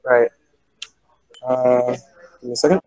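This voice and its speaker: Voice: medium pitch, flat delivery, unhurried, a little mellow, no room sound, low-quality recording. A player in a tabletop game, hesitant, voicing their character and stopping often to restart. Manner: hesitant, many fillers and restarts.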